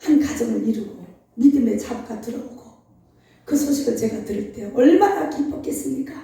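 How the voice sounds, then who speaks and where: An older woman pastor preaching a sermon, telling a story in an animated, emphatic way. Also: on the high side, brisk, creaky. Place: church sanctuary. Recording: very echoey hall, from far off.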